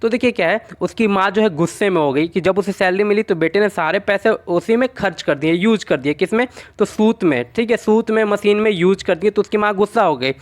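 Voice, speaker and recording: Male tutor with a high voice; chatty mnemonic lessons, answers his own questions. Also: brisk, few pauses. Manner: repeats "okay" often, asks and answers his own questions; explains through short made-up stories. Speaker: exam-prep teacher.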